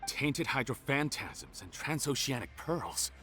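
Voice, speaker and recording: A man's voice: medium pitch, sing-song, a little slow, sharp tone, soft background music. An actor playing a sneering, desperate, scheming male villain in a video game, with theatrical, taunting delivery. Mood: wary, intrigued.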